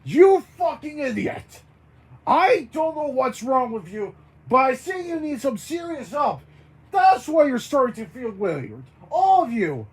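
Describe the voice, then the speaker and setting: An amateur storyteller voicing Bert, a furious foul-mouthed man who shouts threats and stumbles over his words. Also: sits high, expressive, takes it slowly, rough recording.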